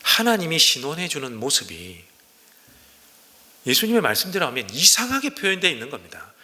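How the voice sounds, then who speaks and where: A male pastor preaching a sermon, animated and emphatic, asking the congregation rhetorical questions. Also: on the high side, a little fast. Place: church sanctuary. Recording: long reverb of a church hall.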